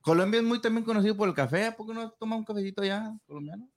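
Fast-talking, high-voiced jokey man. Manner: jokey interjections. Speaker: co-host. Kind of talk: casual chat on a sports show.

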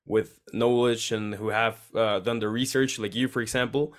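A man's voice: on the low side, steady tone, normal speed. Hesitant man hosting a casual chat. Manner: hesitant, many restarts. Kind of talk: casual interview conversation.

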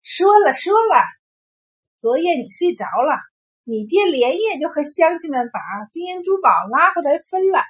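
A woman's voice: extremely high pitch, lively intonation, normal speed, pitched above the performer's own voice. A woman voicing a fond village mother who coaxes and reassures her son in a storybook tale. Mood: coaxing. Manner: coaxing and reassuring. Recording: dull lo-fi recording.

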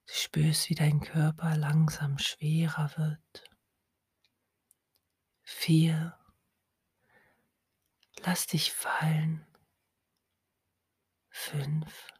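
A woman whispers a guided hypnosis at a very unhurried, drawn-out pace, her low, breathy voice close to the mic. The recording is dry, with no room sound around her. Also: a little mellow, no room sound. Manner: slow soothing whisper.

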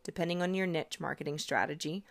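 A woman's voice: low voice, fast talker, vocal fry. A woman hosting a podcast, talking in an upbeat, persuasive, coaching way. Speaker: podcast host, realtor. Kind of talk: conversational podcast monologue.

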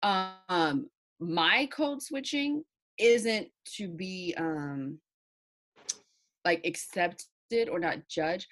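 A woman with a low voice talks in a casual podcast conversation. She sounds assertive and self-assured, stressing her points firmly. Her tone stays confident throughout. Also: animated, very slow, fairly bright tone. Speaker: podcast co-host.

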